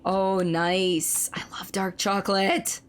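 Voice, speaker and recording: A woman streamer chatting through live gameplay commentary, reading and answering chat, her voice slightly hoarse as it recovers. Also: mid-range voice, little pitch movement, takes it slowly, slight background noise.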